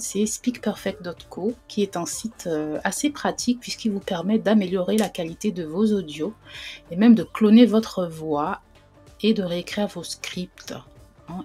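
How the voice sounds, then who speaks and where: A woman's voice: fairly low pitch, a little mellow, slightly rough. A woman hosting a casual screen-share tutorial, chatty and hesitant with lots of fillers and self-deprecating asides. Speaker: YouTube host demoing a website.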